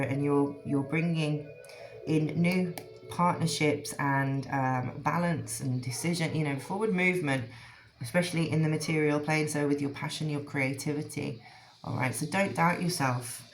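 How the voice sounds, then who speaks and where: A low-pitched woman reads tarot cards for her viewers in a loose, rambling way, stopping and restarting her sentences. Her voice is a little rough from a frog in her throat, and faint music plays under her. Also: fairly even intonation, normal speed. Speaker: tarot reader. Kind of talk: intuitive tarot reading.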